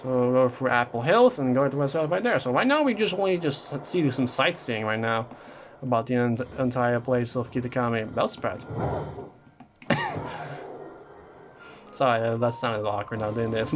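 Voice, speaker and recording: A man's voice: mid-range voice, expressive, normal speed, pauses often, noisy background. A man giving casual gameplay commentary, talking in a hesitant, stumbling way with many fillers and restarts. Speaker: let's play gamer.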